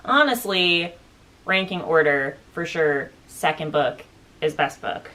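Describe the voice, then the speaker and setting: A woman's voice: low voice, lively intonation, slow pace, bright, forceful tone, a little hiss or hum. A woman co-hosting a book discussion, talking in a rambling, informal way full of filler words. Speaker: co-host of a book review show. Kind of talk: casual book discussion chat.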